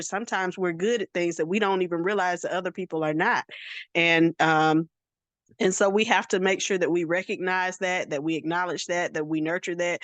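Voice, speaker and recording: A woman, a minister and counselor, hosts a Q&A and gives steady, encouraging advice. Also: on the low side, no room sound. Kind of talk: counseling Q&A talk.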